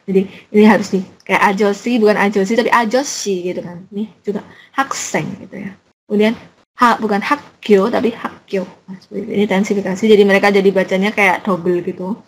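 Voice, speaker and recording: A woman's voice: mid-range voice, fairly even intonation, fast talker, slight background noise, low-quality recording. A young woman teaching a casual online language lesson, explaining in a chatty way with many fillers and self-corrections.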